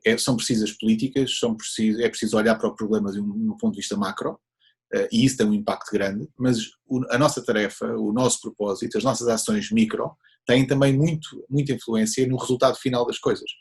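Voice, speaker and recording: A man's voice: on the low side, steady tone, brisk, breathy edge. A man, a scout leader answering interview questions in an earnest, explanatory way.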